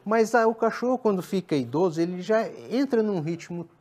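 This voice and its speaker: A man's voice: high-pitched, animated, a little fast, a little mellow. A Brazilian man, a dog trainer, explaining on a TV show with many restarts and tag questions. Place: TV studio.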